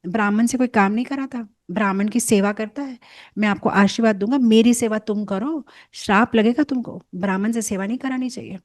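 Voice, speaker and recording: A woman's voice: on the high side, brisk, darkish tone, lightly acted. A woman doing a cheeky boastful boy. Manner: boastful, teasing. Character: cheeky boy priest companion, mischievous.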